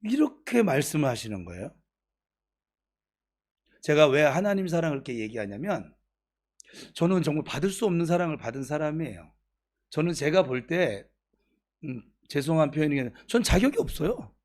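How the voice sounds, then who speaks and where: A woman pastor preaching in a church, in an animated, chatty and humorous manner, with bursts of shouting. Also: low voice, moderate pace, long pauses. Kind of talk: sermon.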